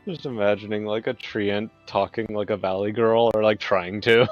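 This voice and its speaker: A man's voice: fairly low pitch, fairly even intonation, normal speed, no room sound, lo-fi sound, faint music behind. A man playing in a tabletop game, joking and laughing with the group. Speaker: player. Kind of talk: casual tabletop play.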